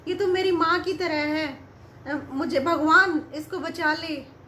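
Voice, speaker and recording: A woman's voice: very high-pitched, fairly even intonation, slow pace, pushed and bright, slight background noise, exaggerated voice. A woman voicing a loving young daughter-in-law who speaks earnestly in a spoken story. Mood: pleading. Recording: roomy echo.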